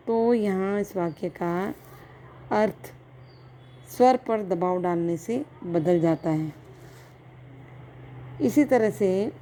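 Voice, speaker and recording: Mellow-voiced woman giving a college lecture. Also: medium pitch, a little hiss or hum. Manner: explains step by step with examples, checks with "theek hai". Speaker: philosophy lecturer.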